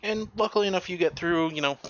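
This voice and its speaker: A man's voice: high voice, fast, a bit bright. A man narrating as game master of a tabletop game, loose and chatty with many fillers. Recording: dull, muffled mic sound.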